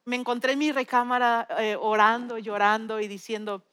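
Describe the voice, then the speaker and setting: A woman's voice: fairly high pitch, little pitch movement, normal speed, fairly bright tone, clean tone. A woman, preaching in a storytelling way and repeating her key lines for emphasis. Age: 40s. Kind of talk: sermon.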